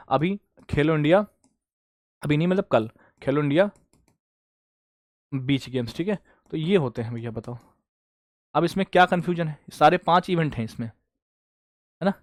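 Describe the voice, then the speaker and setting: With a fairly high pitch, a man teaches an online current affairs quiz for exam preparation, recorded in studio quality without room sound. He keeps drilling repeated questions and answers, referring to students as bhaiya and beta.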